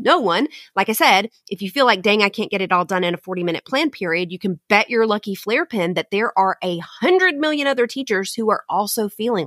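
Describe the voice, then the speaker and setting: A woman speaking in an earnest, encouraging tone as she talks straight to her listeners. Her delivery is direct and firm, and she sits at mid pitch for a woman. The recording is close and dry, with no room sound. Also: fairly bright tone, no room sound. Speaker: podcast host and teacher coach. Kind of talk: motivational solo talk.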